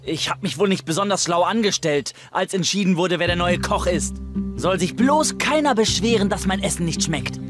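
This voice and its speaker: An angry chef in a fantasy video game. He grumbles and snaps in a high-set voice, fed up and resentful. Music plays behind him. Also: lively intonation, moderate pace. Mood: grumbling, resentful. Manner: angry, irritated complaining. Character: angry, grumbling reluctant male cook. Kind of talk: scripted game dialogue.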